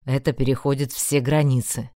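A woman voicing a brusque young nobleman who talks low, clipped and sardonic. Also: flat delivery, moderate pace, mellow, no room sound, studio quality. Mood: dry teasing.

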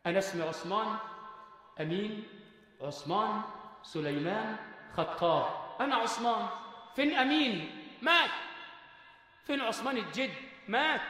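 A man with an Egyptian Arabic accent preaching a sermon. He repeats rhetorical questions, moves between quiet talk and shouting, and chants verses slowly. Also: high voice, animated. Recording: very echoey hall.

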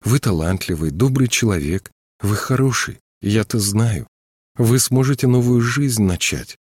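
A man's voice: lowish voice, lively intonation, unhurried, a little mellow, dry recording, studio quality, voice pushed up. A man reading an audiobook, voicing a frightened young woman who pleads in a trembling voice. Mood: pleading.

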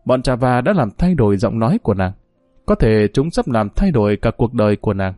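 A man's voice: medium pitch, sing-song, brisk, warm tone, dry recording, studio quality, faint music behind. A man reading a story aloud as the narrator, telling it dramatically. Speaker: audiobook narrator. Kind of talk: scripted narration.

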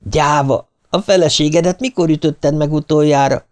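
A man reading an audiobook, voicing a young woman captive who lashes out in shrill, accusing outbursts. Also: animated, darkish tone, lightly acted. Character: distraught young woman held captive, bitter.

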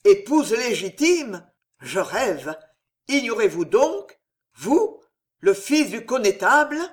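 A reader voicing a proud dying old nobleman in an audiobook, declaiming loudly with anguish. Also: medium pitch, very animated, takes it slowly, pitched above the performer's own voice. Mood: indignant. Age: older. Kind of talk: audiobook character reading.

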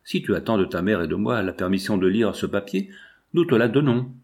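A man voicing a tender, steady exiled father who speaks reassuringly to his wife and daughter, in a storybook reading. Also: fairly low pitch, a little fast.

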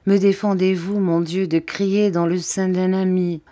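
A woman's voice: lowish voice, little pitch movement, measured pace, dark tone, pitched above the performer's own voice, natural voice. A woman reading the part of a tormented, devout young countess in an audiobook, pleading and questioning. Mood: anguished.

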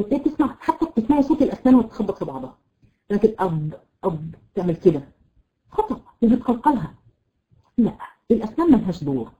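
A woman with an Egyptian Arabic accent teaching Quran recitation, repeating letters slowly to demonstrate and checking on her students by name. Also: fairly high pitch, dull audio. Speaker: tajweed teacher. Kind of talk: live online Quran recitation lesson.

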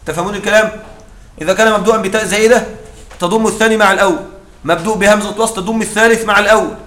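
A man teaching a grammar lesson, often checking that his students follow and reciting quoted lines slowly. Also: high-pitched, fairly even intonation, sharp tone, roomy sound. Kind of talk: classroom lesson explaining a text.

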